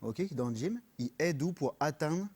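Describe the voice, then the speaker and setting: A man with a French accent talks as a radio guest in a studio. He explains things earnestly but haltingly, with plenty of fillers, and slips English words in when he reaches for a term. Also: a little high, expressive, a little mellow, breathy edge. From France. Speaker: personal trainer, guest. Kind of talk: radio interview.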